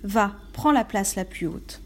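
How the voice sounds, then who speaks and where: A woman voicing a kindly young man in a storybook, speaking warmly and urgently. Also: medium pitch, expressive, unhurried. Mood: solemn.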